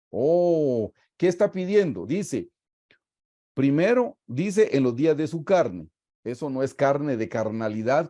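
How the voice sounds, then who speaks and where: A man's voice: mid-range voice, warm tone. A man teaching a Bible study over a video call, emphatic, asking his listeners questions and repeating his points.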